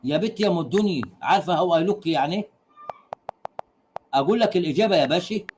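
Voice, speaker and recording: A man's voice: sits high, lively intonation, fast talker, darkish tone, a little hiss or hum. A man with an Egyptian accent hosting a livestream, chatting casually and crudely, teasing his viewers, repeating his punchlines and laughing often. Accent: Egyptian Arabic. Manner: laughs often while talking. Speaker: livestream host.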